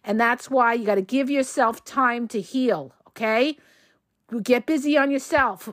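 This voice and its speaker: A woman relationship coach, hoarse from a cold, delivers direct, emphatic advice in a casual podcast monologue, often checking in with the listener. Her voice sits on the high side at a measured pace, recorded in studio quality without echo.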